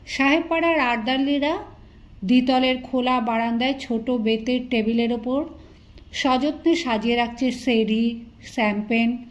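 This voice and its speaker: A woman reads a novel aloud as an audiobook narrator. Her high voice keeps a steady, literary storytelling pace. The recording has a dull, lo-fi sound. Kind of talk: scripted narration.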